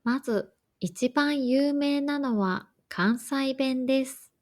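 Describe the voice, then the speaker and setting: A woman reading a scripted lesson for learners in a slow, careful, even way. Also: high voice. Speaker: language teacher.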